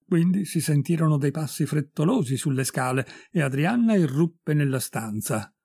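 A man reading a ghost story aloud as an audiobook, voicing the characters with raised pitch and emphasis. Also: animated, normal speed, warm tone, breathy edge, dry recording, studio quality. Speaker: audiobook reader. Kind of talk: expressive audiobook narration.

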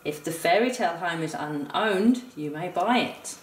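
Her voice is fairly low and expressive, at normal speed, as she plays through a board game with a partner and teaches it step by step, counting out loud. The setting is an indoor room with the game on a table, recorded roomy and noisy from a distance.

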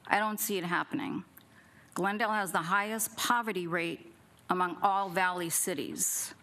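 At the podium of a city council chamber, a middle-aged woman gives public comment into a gooseneck mic, her voice fairly low, bright and forceful at a moderate pace with fairly even intonation. Partly reading from notes, she delivers a pointed statement packed with questions.

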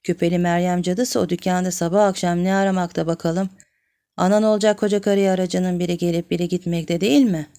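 A woman's voice: lowish voice, little pitch movement, fast, dark tone, natural voice. A woman voicing a jealous, demanding village woman who nags and accuses. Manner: nagging, accusing.

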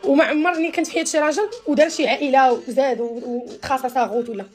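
A woman in her thirties, a social media personality with a Moroccan Arabic accent, races through an animated chat with followers on a phone live stream. Her voice sits high and she's emphatic, gesturing a lot, in a small room with the phone at arm's length and faint music behind her.

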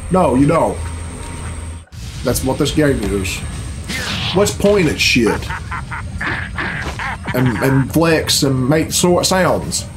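Very animated yet very slow, this medium-pitched man pauses often as he reacts casually in a blunt, sarcastic, profane style. He's a reaction video host in his thirties, sitting indoors in a small home bedroom with game cutscene music in the background.

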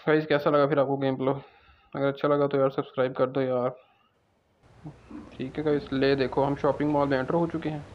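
A young gaming channel host jokes his way through gameplay commentary and talks directly to his viewers, sounding excitable. His medium-pitched voice moves a little fast, and the recording is muffled.

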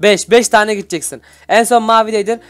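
A man's voice: high voice, steady tone, brisk, soft background music. A young man hosting a casual Minecraft gameplay video, teasing and bossing his playmate, laughing often and turning to talk to his viewers. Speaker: gaming channel host.

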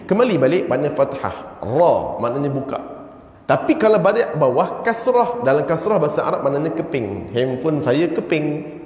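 Slow-talking Malay teacher in an echoey mosque. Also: male voice, medium pitch, a little mellow. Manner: chatty teaching, chants Quranic phrases to demonstrate. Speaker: religious teacher. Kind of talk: mosque evening lecture. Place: mosque hall.

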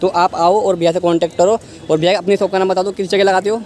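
A young man in his twenties vlogs while walking through a busy outdoor street market, filming on a phone held at arm's length. His voice is high, flat and fast, and he chats to viewers, calling them guys and brother, asking prices and repeating them back. A loud street crowd fills the background.

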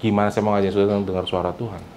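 A pastor preaching a sermon to a congregation, mixing Indonesian with English phrases and often calling for responses from the listeners. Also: male voice, racing, noisy background. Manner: keeps prompting the congregation for responses; animated and emphatic, with big pitch swings. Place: church service before a congregation.

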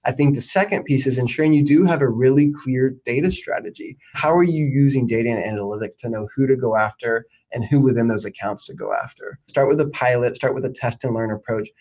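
A man's voice: medium pitch, brisk, few pauses, darkish tone, poor audio. Thirties male exec, confident explainer, video-call sound. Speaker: marketing executive guest. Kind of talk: business interview answers. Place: home office, indoors.

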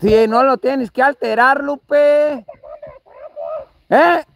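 Very high-voiced, gravelly Mexican man. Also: slow, a bit bright. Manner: exasperated, scolding, repetitive. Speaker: vlogger. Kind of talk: comic one-sided argument.

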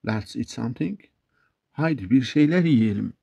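A man hosting an online English lesson. He reads example phrases slowly and repeats each one with care. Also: mid-range voice, animated, creaky, slightly rough, no room sound, lo-fi sound. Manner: slow, deliberate, repeats example sentences. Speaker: English teacher, channel host.

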